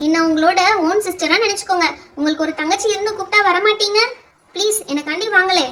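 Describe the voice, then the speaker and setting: A generous neighbour mother in a doll play insists and reassures, as a woman voices her. The voice is very high, bright and sharp, with firm, friendly persistence. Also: quick pace, recorded from a distance. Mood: reassuring. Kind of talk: doll pretend-play voice acting.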